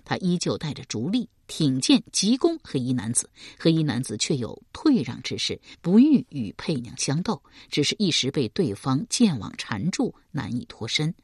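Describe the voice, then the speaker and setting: A woman narrating a martial-arts story as an audiobook in a lively, expressive way. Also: low voice, normal speed, hardly any pauses, slightly rough, no room sound, clean studio sound.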